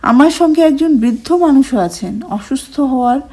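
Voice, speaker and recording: A woman with a fairly high voice reads a story aloud. Her narration is expressive and keeps a storyteller's pace. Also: normal speed.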